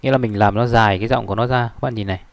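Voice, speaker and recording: Man, tutorial instructor, speedy and gravelly, rambling delivery. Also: lowish voice, steady tone, very fast, no room sound. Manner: rambling, many fillers and restarts. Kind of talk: screen-recorded tutorial.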